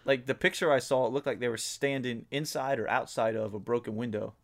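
A man's voice: medium pitch, fairly even intonation, brisk, creaky. A man co-hosting a podcast in casual chat, easygoing and swearing casually. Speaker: podcast co-host.

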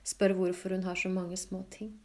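Reading an audiobook of literary fiction, a woman keeps her scripted narration calm, even and subdued.

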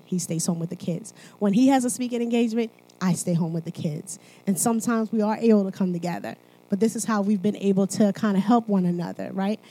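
Her voice is warm and medium in pitch, though the audio is poor. Speaking at church, this woman from Haiti weaves preaching together with her own testimony, emphatic yet conversational, and frequently checks in with the audience.

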